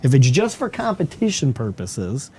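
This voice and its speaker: A man's voice: medium pitch, wildly swooping pitch, moderate pace, a little mellow, slight background noise. A man hosting a casual podcast, chatty and laughing, hyping up segments. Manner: chatty, laughing, hype announcer bits. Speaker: podcast host. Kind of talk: casual chat.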